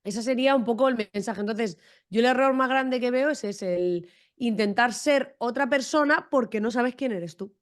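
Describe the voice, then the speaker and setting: A woman from Almería speaks in a podcast interview. Her voice sits fairly high. She talks frankly and directly, with a humorous edge. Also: normal speed. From Almería, Spain. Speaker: guest entrepreneur.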